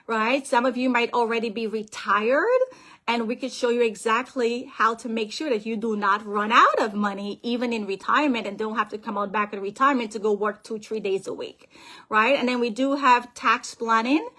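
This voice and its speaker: This financial planner and author from Guyana speaks at a moderate pace in a somewhat high voice, giving an energetic motivational talk on family finance via a call. She regularly checks in with those listening.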